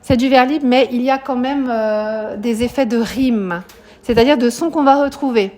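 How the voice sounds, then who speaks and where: A high school French teacher, speaking at a normal pace with a slightly mellow voice, walks her class through a poem in a live classroom. She questions the students often and sprinkles "hein" into her sentences.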